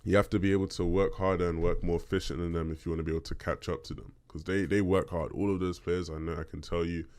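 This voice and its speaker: Casting: male podcast host, deep low bass, casual solo question-and-answer delivery, conversational. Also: level tone, fast talker, a little mellow, clean tone. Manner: conversational, checks in with "right?".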